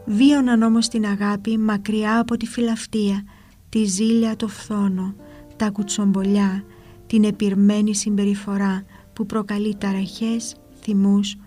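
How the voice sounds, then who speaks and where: Calm woman reading devotional text. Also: mid-range voice. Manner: calm, measured, reverent reading. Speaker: narrator of a religious book. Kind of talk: devotional reading over soft guitar. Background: soft guitar music.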